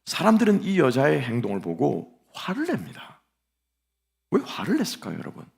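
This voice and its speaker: A man preaching a sermon as a pastor, animated, asking the congregation questions and acting out angry onlookers. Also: on the high side, moderate pace, creaky. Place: church sanctuary.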